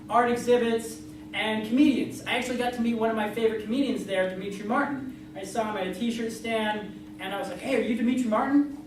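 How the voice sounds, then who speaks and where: A person telling a tall tale to a live audience in an animated way, acting out bits of dialogue as they go. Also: medium pitch. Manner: animated, acts out dialogue and moves. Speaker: contestant in a storytelling contest. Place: live event room with an audience. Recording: very echoey, noisy room, distant mic.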